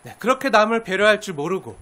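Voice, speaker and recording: Male pastor, higher-pitched, warm teaching sermon, playful quoted asides. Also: fast. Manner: animated, acts out quoted lines with laughter.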